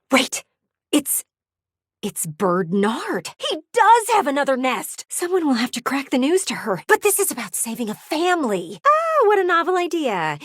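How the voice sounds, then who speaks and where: This vain, nosy talking window is a female video game character with a fairly high, bright-toned, exaggerated voice that swings widely in melody. She frets theatrically and teases. The recording is dry and close, with no room around it.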